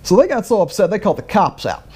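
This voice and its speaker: A middle-aged man telling a personal story in a casual, animated way, acting out both sides of conversations. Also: sits high, fast talker, husky. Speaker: vlogger.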